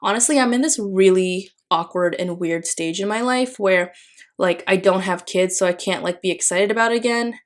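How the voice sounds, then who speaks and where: A planner vlogger, a young woman from the Philippines whose native language is Tagalog, talks casually over footage of her decorating a planner. She speaks at a moderate pace with a medium pitch, rambling along with frequent fillers and restarts.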